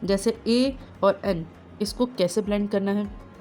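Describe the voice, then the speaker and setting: A woman gives a home phonics lesson for parents, stretching each letter sound out slowly so it can be copied. Her voice sits at an ordinary middle pitch. Faint music plays underneath her. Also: dark tone. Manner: slow, drawn-out sounding of letters.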